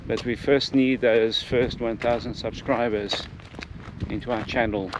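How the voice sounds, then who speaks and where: An earnest man hosts a casual hiking vlog, repeating phrases as he goes. His voice sits at a middling pitch, recorded outdoors with clear ambient noise around him. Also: fairly even intonation, a little slow. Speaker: vlog host. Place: outdoors on a walking trail.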